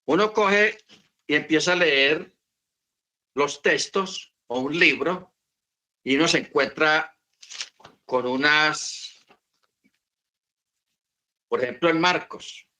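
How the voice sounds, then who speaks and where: Slow, bright-voiced male Bible teacher. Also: a little high. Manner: deliberate, repeats points, asks rhetorical questions. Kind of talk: unscripted teaching talk.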